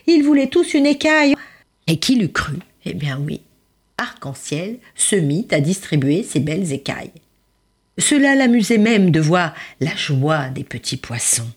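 A woman telling a children's story in an expressive, animated way with dramatic pauses. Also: on the low side, breathy edge. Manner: animated, dramatic pauses, voices rising and falling.

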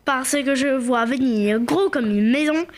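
A man's voice: very high voice, measured pace. A boy voicing a grumpy suspicious wolf. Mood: sulky, indignant. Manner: sulky, indignant back-talk.

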